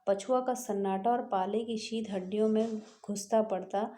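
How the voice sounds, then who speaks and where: A woman teacher reading a textbook chapter aloud and then retelling each passage in simpler words, slowly and patiently, with pauses. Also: mid-range voice, steady tone, warm tone. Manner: slow, patient explaining with pauses and restarts. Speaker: school teacher.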